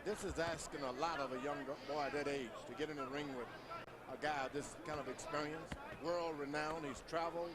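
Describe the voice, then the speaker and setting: A man gives expert analysis during a live boxing broadcast. His voice is a little high and his manner is instructive, with loud arena noise behind him. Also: fairly even intonation, brisk.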